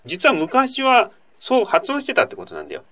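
Here the same kind of male host speaks very high-pitched and brisk, his voice rising and falling freely as he answers a listener letter. Sounding like a regular presenter going through mail, he explains at length in relaxed, chatty radio-style talk, tossing in asides and tag questions.

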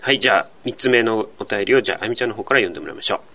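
A man's voice: fairly low pitch, racing, gravelly, crowd noise. A man hosting a language podcast, explaining pronunciation patiently and asking rhetorical questions. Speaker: podcast host teaching Korean.

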